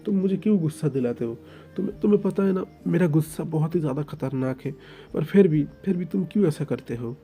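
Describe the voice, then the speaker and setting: A man's voice: on the high side, expressive, fast talker, dark tone, soft background music, pitched above the performer's own voice. A man voicing a domineering young husband who coaxes and warns in turn, stammering a little. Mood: coaxing. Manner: coaxing yet menacing, stammers. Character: possessive, domineering young husband, soft then threatening.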